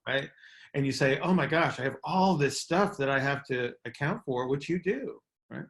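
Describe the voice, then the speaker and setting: Slightly high with lively intonation, this middle-aged man speaks at a moderate pace while hosting a relaxed coaching call. His style is explanatory and emphatic, with repeated key words and regular "right?" check-ins.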